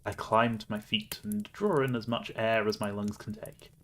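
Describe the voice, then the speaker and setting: A man's voice: on the low side, big pitch swings, moderate pace, creaky, a bit bright, slight background noise. A man streaming a game, reading the story aloud with playful, laughing asides.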